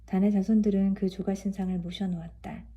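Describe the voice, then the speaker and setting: A woman reading scripture aloud in a calm, even way. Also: mid-range voice, brisk, dull audio. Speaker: scripture reader.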